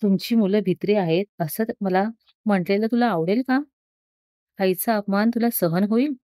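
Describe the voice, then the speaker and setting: A woman's voice: medium pitch, normal speed, warm tone, no room sound, clean studio sound, lightly acted. A woman voicing a strict but loving village mother in a storybook reading, speaking in a firm, pleading tone. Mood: tearful pleading.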